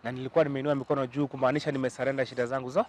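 A man's voice: medium pitch, flat delivery, very fast, slight background noise. A young man from Kenya with a Kenyan accent, speaking as an interview guest in an earnest, humble, pleading way. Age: young adult. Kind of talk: pleading personal appeal.

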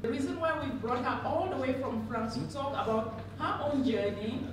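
A woman's voice: high-pitched, normal speed, background noise. A woman hosting a summit session, introducing the next speaker and reading her biography from a booklet with a few fillers. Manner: reads a prepared biography with fillers. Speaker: event host introducing a speaker. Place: large conference room with audience. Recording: echoey hall, captured from far.

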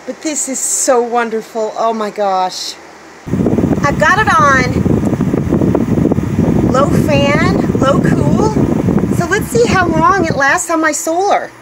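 A woman's voice: sits high, slow, long pauses, heavy background noise. A middle-aged woman talking casually to a handheld phone camera in her tiny house, chatty and upbeat, thinking aloud. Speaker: homesteading vlogger. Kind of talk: casual vlog narration. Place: small tiny house, indoors, and garden outdoors.

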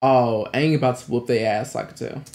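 A man in his twenties hosts a reaction video from a small indoor room at home, giving casual, slangy, exclamatory commentary. His mid-range voice has fairly even intonation, a moderate pace and a darkish tone.

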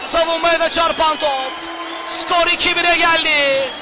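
A man giving live football commentary in a loud, excited delivery. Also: extremely high pitch, unhurried. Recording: loud crowd and noise behind. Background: noisy football crowd.

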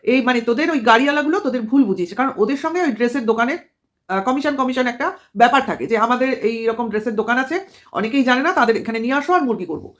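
Lady vlogger ranting at someone, high-pitched, lots of sarcastic questions. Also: fast talker. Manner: scolding and mocking, addresses rival as tui; rhetorical questions, emphatic. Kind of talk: commentary vlog.

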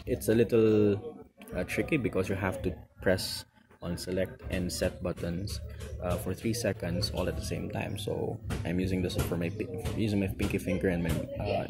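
Low-voiced Filipino man walking through bike settings. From Philippines. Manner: explains step by step, with fillers and quick self-corrections. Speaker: motovlogger. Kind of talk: casual how-to walkthrough. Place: outdoors beside a motorcycle in the sun. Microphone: camera close to the instrument panel.

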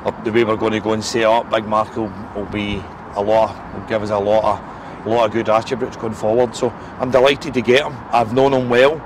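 Scottish football manager, blunt and frank. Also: male voice, fairly low pitch, flat delivery, brisk. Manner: frank, repeats words, fillers like eh and listen. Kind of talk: post-match interview. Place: outdoors beside a football pitch. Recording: outdoor noise with passing traffic.

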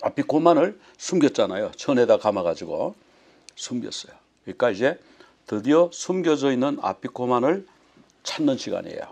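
A man's voice: mid-range voice, sing-song, moderate pace, vocal fry, a little mellow. A male pastor teaching a sermon, telling the story with frequent rhetorical questions. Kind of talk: sermon teaching on a Passover meal.

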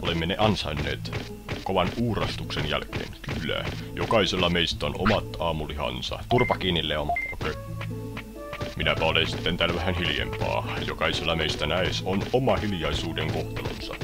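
A man's voice: very deep voice, creaky. A Finnish man playing a video game and commenting playfully, often voicing the creatures in a silly way. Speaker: let's player. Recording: loud game music behind.

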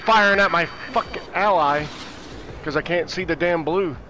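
A man's voice: fairly high pitch, normal speed, low-quality recording. A man casually commenting on a game as he plays, blunt and sweary, muttering asides to himself. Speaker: gamer playing and commenting. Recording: voice under loud game music and engine noise. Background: game music, jet engines and combat sounds.

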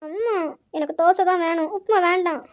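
A woman's voice: very high-pitched, brisk. A woman playing a cheeky, whiny daughter. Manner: whiny, cheeky, talks back. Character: cheeky, lazy, sulky girl who oversleeps. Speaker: lazy teenage daughter in a family skit. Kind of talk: comic family skit acting.

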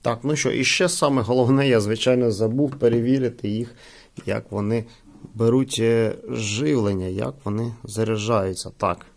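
With a lowish, creaky, slightly mellow voice, a man walks through a casual hands-on gadget review indoors at a wooden table. He explains things loosely and tends to repeat himself.

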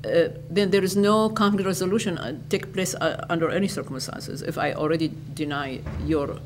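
An older woman from Iraq, an educator giving interview answers in a lecture hall, speaking in a measured way and restating her phrases. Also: fairly low pitch, noisy background.

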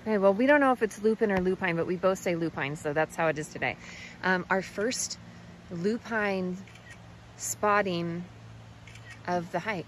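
A woman's voice: on the low side, moderate pace, pauses often, a little hiss or hum, poor audio. A woman chatting casually while hiking outdoors, bubbly and laughing often. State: out of breath on uphill. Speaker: vlogger. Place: outdoors on a mountain trail.

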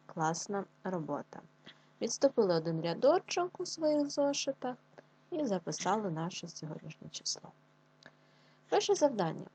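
A woman teaching an online lesson to young schoolchildren, dictating words slowly and clearly with each stress marked. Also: mid-range voice, a little mellow.

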